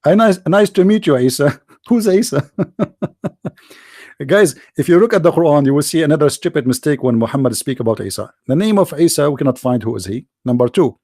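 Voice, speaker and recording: A man hosting a live online debate, his speaking voice sitting a little higher than most men's. He tells scornful anecdotes in broken, non-native English, in a dry, close recording with no room sound. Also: expressive, normal speed, warm tone, no room sound. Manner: mocking, anecdotal storytelling. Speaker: livestream debate host.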